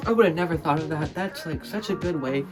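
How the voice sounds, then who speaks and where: A wildly overexcited interviewer guy, put on by a man in a comedic skit, his voice pushed high and loud. He gushes over everything with shouty, over-the-top enthusiasm, with faint music underneath. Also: expressive, fairly quick, natural voice. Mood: hyper excited. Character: overexcited hyper male interviewer.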